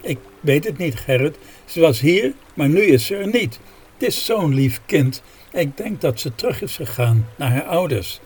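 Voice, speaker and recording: A man's voice: on the high side, very animated, normal speed, darkish tone, slight background noise. A man voicing a kind, determined old village woman who speaks firmly and pleadingly in a spoken storybook. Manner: firm and pleading.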